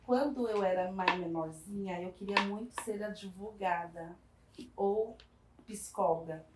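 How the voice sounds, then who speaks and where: Speaking from an echoey room into a faraway mic, with faint noise in the background, a woman from São Paulo recalls her life in an interview. She's in her 40s, works on a community project, and has a mid-range voice. Her warm, reflective telling is dotted with pauses, hesitations and tag questions.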